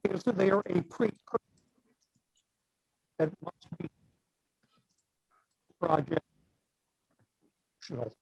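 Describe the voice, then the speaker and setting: A man giving an online class lecture in a measured way with frequent fillers, his call audio cutting out so the volume jumps and fades. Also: high-pitched, expressive, vocal fry, a little mellow, slightly rough, no room sound, lo-fi sound. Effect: audio cutting out with uneven volume. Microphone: video call microphone.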